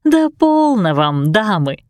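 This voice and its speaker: A woman reading aloud, voicing an affectionate old fairy nanny who soothes and gently scolds. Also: mid-range voice, big pitch swings, slow, no room sound, clean studio sound. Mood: fussing.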